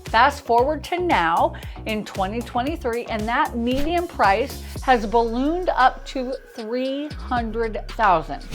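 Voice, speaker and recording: An American woman with a lisp and whistling s sounds, presenting a scripted explainer to camera as a realtor and host. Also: sits high.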